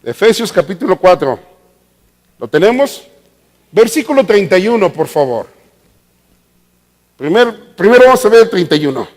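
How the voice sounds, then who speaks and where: High-voiced preacher in a reverberant hall. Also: male voice, big pitch swings. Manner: call-and-response questioning, drawn-out emphatic words. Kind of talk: sermon. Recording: long reverb of a church hall.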